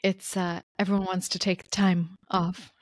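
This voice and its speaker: Lively young woman telling a story, dry sound. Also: on the low side, moderate pace, no room sound. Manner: lively storyteller who laughs often and acts out the people she quotes. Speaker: guest mother telling her birth story. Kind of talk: casual interview chat.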